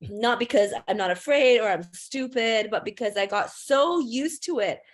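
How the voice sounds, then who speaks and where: A woman's voice: on the high side, animated, normal speed. A woman in her thirties, a photographer giving a class in a chatty, self-deprecating way, with many fillers and restarts. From United States and United Kingdom. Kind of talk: casual presentation talk.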